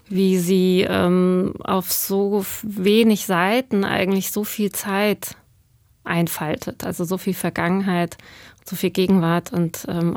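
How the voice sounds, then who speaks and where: A woman's voice: medium pitch, a little mellow, dry recording. Thoughtful woman author, dry close sound. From Germany. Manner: thoughtful, searching for words with many fillers. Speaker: author, interview guest. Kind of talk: reflective interview answers.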